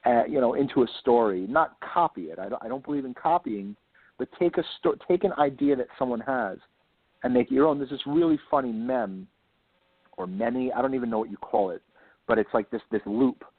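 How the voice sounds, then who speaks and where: A man appears as an author guest in a casual interview, enthusiastic and rambling, repeating words for emphasis. His slightly husky voice is medium-pitched and fairly quick, heard over a lo-fi, phone-like line with roomy echo.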